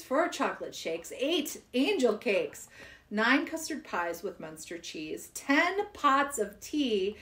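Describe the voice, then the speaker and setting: A woman's voice: mid-range voice, fairly bright tone. A woman reading children's poems aloud in a playful, giggly way. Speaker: poetry reader.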